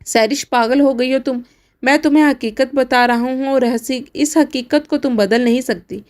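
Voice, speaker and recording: A woman's voice: high voice, darkish tone, lightly acted. A woman voicing a stern, possessive young husband in a spoken story. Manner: stern, firm.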